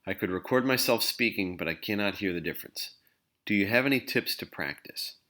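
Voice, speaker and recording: Male language teacher, very low voice, patient scripted explainer. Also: lively intonation, a little fast, pushed and bright. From English-speaking country. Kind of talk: scripted instructional narration.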